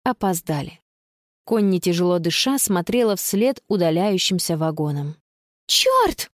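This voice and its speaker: A woman narrating a children's audiobook in an expressive, dramatic manner. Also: lowish voice, moderate pace, no room sound, studio quality.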